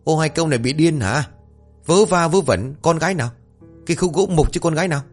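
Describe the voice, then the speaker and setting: A man's voice: on the high side, lively intonation, fast talker, slightly rough, faint music behind, pitched above the performer's own voice. A man voicing a middle-aged village wife who nags and scolds her husband in exasperation. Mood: scolding. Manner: exasperated, nagging, shouting insults.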